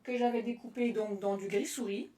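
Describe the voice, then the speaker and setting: A woman's voice: fairly high pitch, moderate pace. Chatty woman demonstrating crafts in a roomy space. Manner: chatty and relaxed, answers live comments by name, laughs often. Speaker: card-making demonstrator on a live stream. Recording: roomy echo, voice from a distance.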